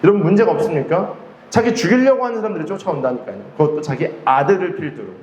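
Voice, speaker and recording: Lively-voiced preacher man in echoey hall. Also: fairly high pitch, fast, a little hiss or hum. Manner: conversational preaching, asks the congregation questions. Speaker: pastor. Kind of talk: sermon. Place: church hall. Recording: echoey hall with faint ambience.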